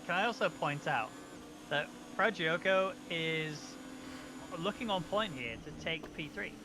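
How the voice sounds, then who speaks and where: A man giving live sim racing commentary as a motorsport commentator, with excitable calls. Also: fairly high pitch, a little slow, background noise.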